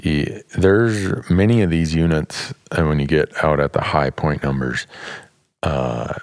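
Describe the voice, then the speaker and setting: A man in his fifties, a podcast co-host from Montana, explaining things in a relaxed, matter-of-fact way in casual chat. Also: very deep voice, a little slow, no room sound. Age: 50s.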